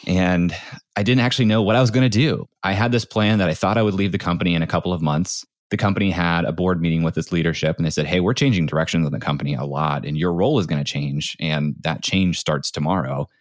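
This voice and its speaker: A man's voice: low voice, fairly even intonation, fast, no echo, studio quality. A man from the United States giving an informal, conversational account as a podcast guest, often saying "like". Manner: informal, peppers speech with "like". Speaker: podcast guest, startup founder turned creator. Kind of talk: conversational interview storytelling.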